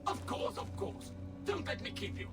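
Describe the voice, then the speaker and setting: A too-smooth android servant, endlessly courteous in a high, sing-song synthetic tone whose pitch swoops widely. It comes from game audio heard from a distance, with loud music playing under it. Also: male voice, sing-song, normal speed. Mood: servile politeness. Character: overly polite male servant robot. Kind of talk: video game character dialogue.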